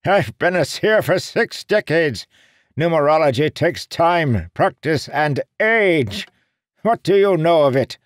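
Male narrator as a pompous old seer, pitched high and thin, snappish. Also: slow, a little mellow, dry recording, clean studio sound, lightly acted. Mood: indignant, snapping. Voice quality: crotchety, huffy. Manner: raised, strained old voice.

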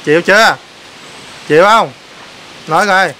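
A man's voice: high-pitched, a little slow, pushed and bright, rough recording. A man hosting a vlog, teasing and prodding someone with repeated questions. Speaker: vlog host. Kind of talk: teasing casual chat on camera.

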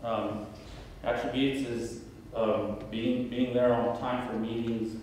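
A man answering questions as a school board candidate at a podium, halting with fillers and restarts. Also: mid-range voice, flat delivery, a little mellow, a little hiss or hum. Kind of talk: candidate forum answers, unscripted. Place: large auditorium stage at a podium. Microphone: podium mic from a far camera. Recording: echoey hall heard from far off.

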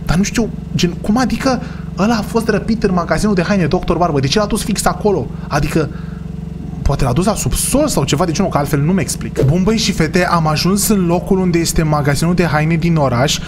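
A young man playing a role-play game and talking to his viewers, with sudden high shrieks of surprise. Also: noisy background. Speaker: gaming YouTuber. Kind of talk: role-play gameplay commentary.

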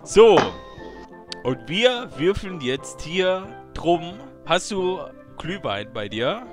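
Gaming host, male: high voice, lively casual delivery, music behind him. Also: slow. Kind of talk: casual excited gaming show chat in German. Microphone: voice chat over a game.

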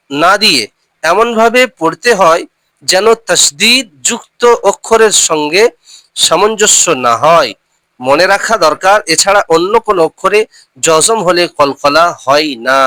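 A male teacher takes his students through recitation rules one step at a time, slowly spelling out letters and syllables and then repeating them, and he often reminds listeners to remember the rules. His voice is bright and a bit high. The audio is poor but dry and close, with no echo or room sound.

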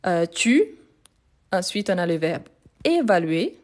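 A woman's voice: on the low side, big pitch swings, takes it slowly, a little mellow. A woman teaching French grammar in a live online lesson, repeating and spelling out each word and answering viewers' questions.

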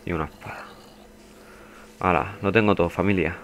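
A young gaming YouTuber with a low, steady voice talks at a normal pace over a let's play, with a little hiss or hum on the recording. He's casual and chatty, swears a lot, and breaks into panicked yelling now and then.

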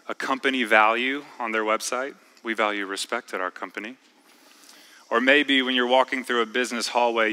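A man preaching a sermon in a church, talking in a conversational way and slowing down to stress key words. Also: medium pitch, sharp tone, rough recording. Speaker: pastor. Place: church sanctuary.

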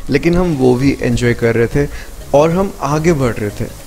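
A young man narrating his travel vlog in a casual, explanatory way, often pausing with hesitation fillers. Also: mid-range voice. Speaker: travel vlogger.

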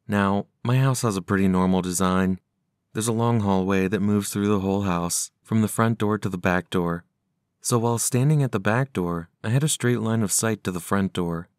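Deep, smooth male horror narrator. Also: darkish tone, dry recording, studio quality. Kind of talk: scripted horror story narration.

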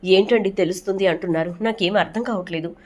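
A woman's voice: medium pitch, fast talker, a little mellow, natural voice. A woman voicing a distraught middle-aged mother in a TV serial recap, speaking in a pleading, tearful manner. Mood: distressed.

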